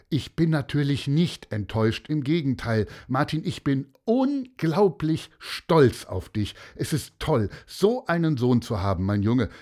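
A proud, warm-hearted father from a storybook, emphatic and booming, as a man reads him aloud. His delivery is slow and deliberate with wide, lively swings in pitch.

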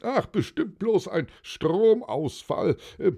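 A self-satisfied noble husband blusters and brags in a children's audio story, as the narrator puts him on. The voice is a little raised and lively, warm and slightly husky. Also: male voice, high-pitched, slow, pitched above the performer's own voice, heavily acted. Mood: smug. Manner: pleased, bluff and blustering.

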